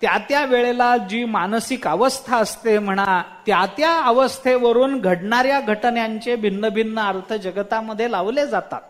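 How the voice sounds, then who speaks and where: Male preacher, storytelling sermon, very high-pitched, animated, dramatic pauses.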